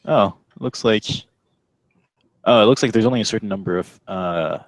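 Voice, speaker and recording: A man co-hosting a casual livestream, talking to chat in a hesitant, low-key way. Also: moderate pace, no echo. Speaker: livestream co-host.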